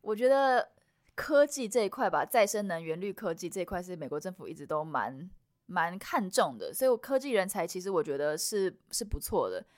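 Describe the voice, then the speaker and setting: Woman, immigration consultant, rapid explanatory delivery, slightly low voice, dry close sound. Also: sing-song, dry recording. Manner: mixes English terms into Mandarin. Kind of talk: expert interview answers.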